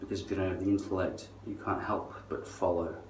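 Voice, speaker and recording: Low-voiced man ranting in an echoey room. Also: steady tone, fairly quick. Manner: sardonic, profane. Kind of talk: rambling monologue rant. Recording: distant mic, roomy echo, faint noise.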